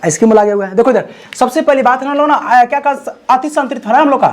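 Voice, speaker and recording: A man's voice: very high voice, racing, a little hiss or hum. A man teaching a chemistry class, telling a joking story and asking his students over and over whether they understand. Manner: teasing, repeats checks for understanding. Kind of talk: classroom lecture.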